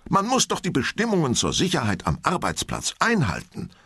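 Sly young office man, fawning and eager to please, as a male narrator plays him. The voice is lifted slightly above his own yet stays gravelly and husky. It is an audiobook in a dry, close sound. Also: on the high side, wildly swooping pitch, brisk, a bit bright, dry recording, voice pushed up, full character voice.

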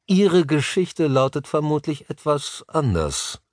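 A man's voice: a little high, big pitch swings, slow pace, no room sound, clean studio sound, pitched above the performer's own voice. A male narrator voicing a nervous, cynical male business partner talking on the phone in an audiobook. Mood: tense, cynical.

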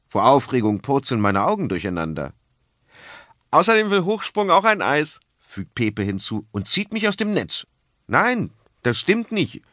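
A man narrating a children's audiobook in the first person, with expressive storytelling. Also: mid-range voice, dry recording, studio quality.

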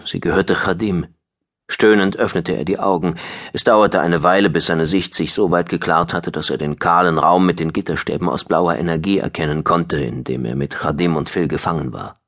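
Deep-voiced male audiobook narrator. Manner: steady, measured storytelling. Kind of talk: scripted narration.

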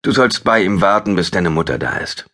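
Man voicing friendly-seeming doctor, brisk, reassuring, husky, lively audiobook reading. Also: sits low, pitched above the performer's own voice.

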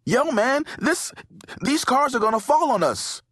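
A man voicing a jumpy, self-protective twelve-year-old boy who talks loud and excitable. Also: mid-range voice, moderate pace, slightly rough, no room sound, studio quality. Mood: panicked.

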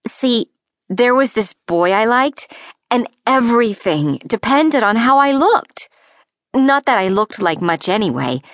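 A woman's voice: a little high, big pitch swings, a little slow, no echo, studio quality. A woman narrating a teen novel in the first person, in a wry, breezy teenage voice. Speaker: audiobook narrator.

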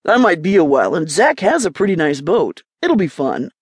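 Woman doing an upbeat party-loving young guy, excited tone, very lively intonation, audiobook. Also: on the low side, normal speed, breathy edge, no room sound, clean studio sound. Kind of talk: audiobook character voice.

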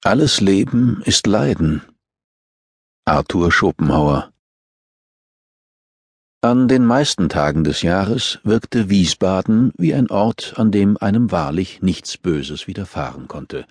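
A man narrating a thriller audiobook in a measured, tense storytelling manner. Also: sits low, lively intonation, slightly rough, dry recording, clean studio sound.

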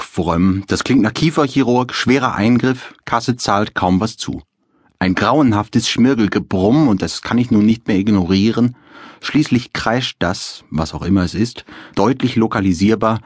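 A man's voice: fairly low pitch, husky, no echo. A man reading his own novel as an audiobook in a dry, wry first-person style. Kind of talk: audiobook narration.

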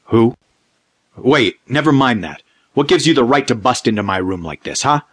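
A man voicing a tall man who protests quickly and nervously at an intruder. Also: medium pitch, lively intonation, a bit bright, pitched above the performer's own voice. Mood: flustered. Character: tall young man, alarmed and defiant.

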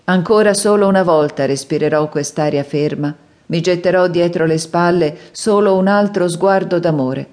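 A woman's voice: fairly low pitch, darkish tone, natural voice. A woman voicing a solemn wistful prophet. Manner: solemn, measured recitation. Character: male prophet, solemn and wistful, departing a city.

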